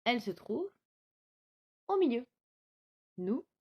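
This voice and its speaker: Slow, lilting woman teaching phonics. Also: a little high, very animated. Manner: slow, clearly articulated, syllable by syllable. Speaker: kindergarten teacher. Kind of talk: recorded remote phonics lesson for young children.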